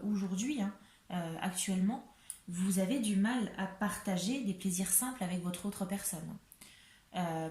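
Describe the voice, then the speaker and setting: A woman's voice: medium pitch, darkish tone, reverberant. A French woman giving a chatty, reassuring tarot reading to her viewers, with many fillers and restarts. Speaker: tarot card reader. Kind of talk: casual tarot reading to camera.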